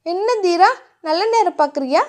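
Dhiya, a high childlike heroine, voiced by a woman. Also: expressive, moderate pace, a little mellow. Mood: playful. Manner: childlike, cheerful, high and sing-song. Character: innocent playful young heroine, childlike.

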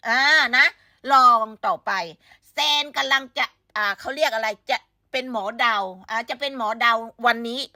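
Woman, casual gossip commentary, high-pitched, forceful, blunt, rhetorical. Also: normal speed, no room sound, studio quality. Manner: blunt, scolding, rhetorical questions. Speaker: online commentator.

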